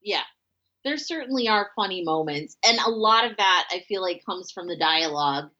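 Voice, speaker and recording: A woman's voice: lowish voice, lively intonation, moderate pace, sharp tone, lo-fi sound. A woman chatting casually about a film she loves, full of "like" and "you know". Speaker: podcast co-host.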